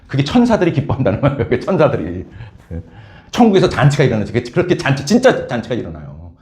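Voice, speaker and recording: A male preacher giving a lively, story-driven sermon, often prompting listeners with "예?" and "여러분". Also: mid-range voice, fast talker. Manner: animated storytelling, frequent "예?" and "여러분".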